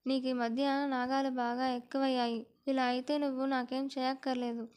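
A woman storyteller voicing a harsh, bossy woman who loudly scolds her maid. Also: high voice, little pitch movement, normal speed, clear, resonant tone, lightly acted. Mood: scolding.

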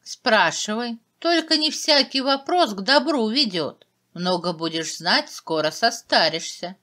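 A woman voicing a stern, grumpy old witch in a fairy tale, with a commanding, drawn-out delivery. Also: on the high side, lively intonation, pushed and bright.

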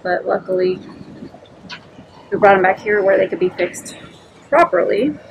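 A woman's voice: medium pitch, animated, moderate pace, poor audio. A woman in her forties, a sailing vlog host, chatting upbeat to the camera aboard her boat. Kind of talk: casual vlog narration. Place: aboard a sailboat, outdoors in the cockpit. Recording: clear background noise.

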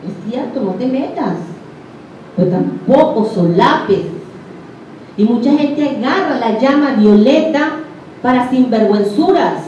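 A woman's voice: on the high side, animated, unhurried, warm tone, slight background noise. A woman with a Venezuelan accent teaching a group in a conversational way, often putting questions to her listeners. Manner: conversational, questions the audience directly. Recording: echoey room, distant dull mic.

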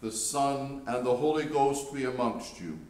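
A man leading a church liturgy as priest, reciting set prayers in a solemn, measured way. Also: medium pitch, darkish tone. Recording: echoey room from far off.

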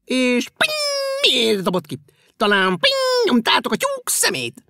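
A man's voice: extremely high pitch, wildly swooping pitch, gravelly, pitched above the performer's own voice, full character voice. An actor voicing a bouncy spring-backed male creature who laughs, squeals and says "ping". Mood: curious.

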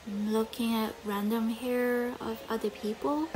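This Korean vlogger is a young woman with a fairly high pitch and fairly even intonation, talking unhurriedly and casually with lots of fillers like "like" and "you know." Recorded in a bright home studio and then as voice-over, her voice sits over loud background music, with background noise present.

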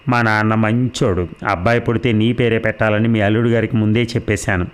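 A man's voice: fairly low pitch, fairly even intonation, a little fast, clear, resonant tone, close to an everyday voice. A man reading a sulky resentful young daughter. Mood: wheedling. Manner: sulky, sarcastic complaining. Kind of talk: audiobook character reading.

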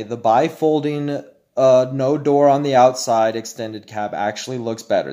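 A man's voice: medium pitch, darkish tone. A man at home ranting in a casual vlog, profane and exasperated. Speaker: vlogger. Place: at home with his dogs.

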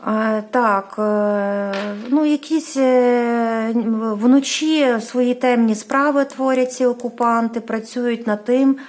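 A woman's voice: on the high side, steady tone, slow, a little mellow. A woman from Ukraine giving a casual tarot reading, hesitant, with many fillers and restarts, apologizing for how she says place names. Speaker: tarot reader.

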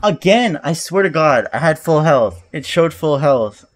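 A young man streaming a game as an angry, exasperated gamer, swearing and often shouting at the action. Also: on the high side, lively intonation, a little slow. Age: young adult. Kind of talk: raging gamer commentary on live gameplay. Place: indoor room at a streaming desk.

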